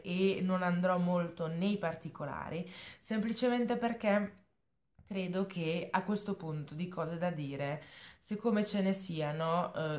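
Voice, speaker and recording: A woman's voice: low voice, echoey room. A young woman casually reviewing a book she disliked, retelling it with sarcasm and exasperation.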